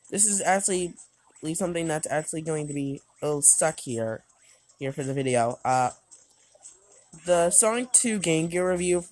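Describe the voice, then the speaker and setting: Low-voiced rambling woman reviewing a game. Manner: rambling, hesitant, often restarts and corrects herself; talks loudly over game music at times. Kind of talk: gameplay commentary.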